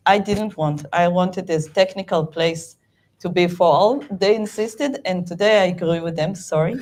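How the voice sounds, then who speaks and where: As a guest speaker at a meetup, this project management VP, a middle-aged Israeli woman whose first language is Hebrew, talks animatedly yet haltingly, full of fillers and restarts. Her pitch is fairly low.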